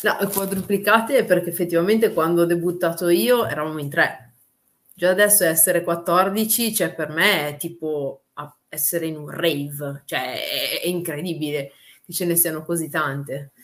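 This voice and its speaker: A woman's voice: lowish voice, fairly even intonation, moderate pace, a bit bright. A woman talks as a guest in a candid interview. Her delivery is informal and blunt, peppered with slang. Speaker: wrestler and guest.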